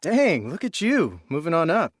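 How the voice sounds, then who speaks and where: A man's voice: on the high side, wildly swooping pitch, moderate pace, husky, no room sound, full character voice. A cocky teen boy with a dry voice. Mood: teasing.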